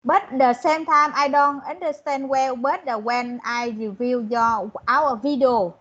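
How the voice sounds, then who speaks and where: A woman's voice: high-pitched, a bit bright, slightly rough, lo-fi sound. Hesitant woman learner on a call. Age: 30s. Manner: hesitant, halting non-native English. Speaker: English student. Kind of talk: online conversation lesson.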